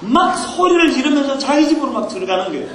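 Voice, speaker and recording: A playful male pastor with a high, sing-song voice delivers a comic youth sermon full of storytelling at a quick pace, teasing and interacting with his audience. It's an old recording made in a large, echoey hall at a youth retreat, with crowd noise and audience laughter.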